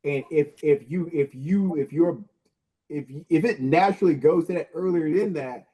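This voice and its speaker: A man with a husky, slightly raspy voice, pitched a bit above the male norm, chats on a panel. He is laid-back, restarts his sentences, and swears offhandedly. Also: normal speed, mellow. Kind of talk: casual panel chat.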